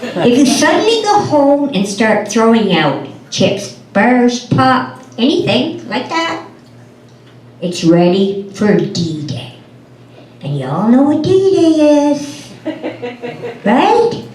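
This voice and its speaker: Slow, lively-pitched woman doing stand-up. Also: slight background noise. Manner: folksy anecdotes acted out in quoted dialogue. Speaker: stand-up comedian. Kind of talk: stand-up storytelling. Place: comedy club stage before an audience. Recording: roomy sound from a distant mic.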